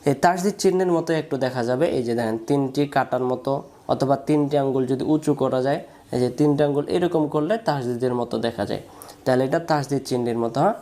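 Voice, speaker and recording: A man's voice: mid-range voice, fast talker, mellow. A man teaching Quran reading, who patiently spells out and repeats each syllable many times in a drill lesson.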